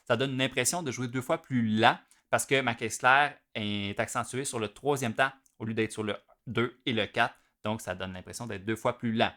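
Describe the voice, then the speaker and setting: A man's voice: medium pitch, moderate pace, sharp tone. A man with a Québécois French accent, a drum teacher explaining rhythms step by step and counting the beats aloud. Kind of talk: instructional video explanation.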